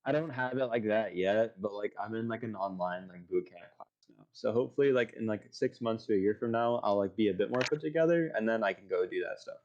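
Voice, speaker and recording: A man's voice: lowish voice, quick pace, a little mellow, dull audio. Rambling young man on a podcast. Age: 20s. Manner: rambling, heavy use of filler like. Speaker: podcast guest. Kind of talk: casual podcast chat.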